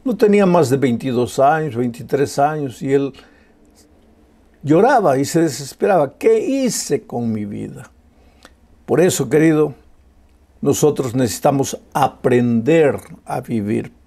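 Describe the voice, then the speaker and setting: A man's voice: mid-range voice, a little slow, warm tone. A male pastor preaching a sermon with passion, using rhetorical questions and repetition.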